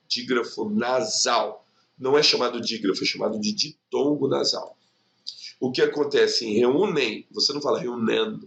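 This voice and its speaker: A man's voice: medium pitch, vocal fry, a bit bright. A man from Brazil walking through exam grammar questions as a teacher, casually checking in with rhetorical questions. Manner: informal, explains with rhetorical questions and "tá?".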